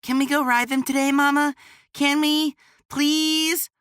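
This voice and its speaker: A man's voice: high-pitched, lively intonation, moderate pace, sharp tone, dry recording, studio quality, voice pushed up, exaggerated voice. A man voicing an eager young boy in an audiobook, with a voice lifted well above his own. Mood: pleading.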